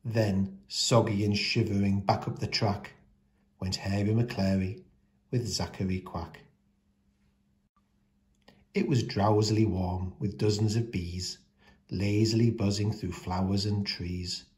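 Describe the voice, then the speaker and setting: Speaking at a fairly low pitch, a male storyteller reads from a children's picture book. He handles the rhymes with care, expressive and unhurried.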